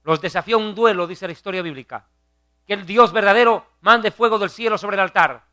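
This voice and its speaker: A man preaching a fiery sermon, emphatic and scornful, building up to loud mockery. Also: sits high, fairly quick, no room sound.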